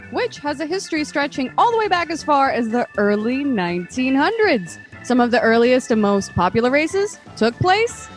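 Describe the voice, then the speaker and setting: A woman playing a tabletop game, reciting trivia in a matter-of-fact way. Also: high-pitched. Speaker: player. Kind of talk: casual tabletop game play.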